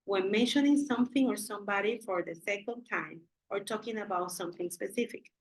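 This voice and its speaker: In a video-call class, a woman teacher explains English grammar, moving between Spanish and English and patiently going through example after example. Her voice is mid-range at a normal speed, and the audio is poor.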